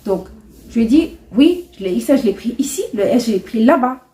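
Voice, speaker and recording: Young woman doing a storytime vlog, kinda high voice, indignant, echoey room. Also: animated, a little fast, dark tone, a little hiss or hum. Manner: chatty and indignant, mixing in English and Wolof. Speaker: vlogger.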